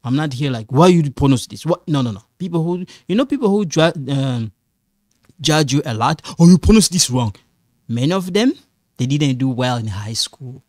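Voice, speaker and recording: A man's voice: a little high, expressive, a little mellow, dry recording, clean studio sound. A middle-aged man teaching in a patient, repetitive way, speaking English as a with as his tongue. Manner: patient, repetitive, slow explanations, non-native English phrasing. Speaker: French teacher. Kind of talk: classroom-style language lesson.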